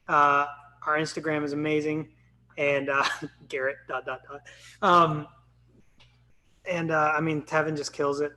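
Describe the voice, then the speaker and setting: A man's voice: fairly high pitch, little pitch movement, measured pace, long pauses, bright, forceful tone. A man in his thirties hosting a casual live podcast, upbeat and chatty with lots of ums. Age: 30s. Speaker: podcast host.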